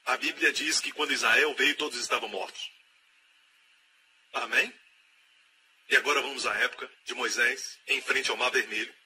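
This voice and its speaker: A man's voice: medium pitch, fairly even intonation, moderate pace, pauses often, sharp tone, slight background noise. A man preaching a sermon with emphatic delivery, repeating key phrases again and again and acting out the voices of the people he quotes.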